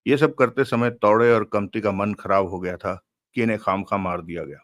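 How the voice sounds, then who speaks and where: A man narrating a crime novel as an audiobook in a steady, even storytelling manner. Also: lowish voice, normal speed, no echo.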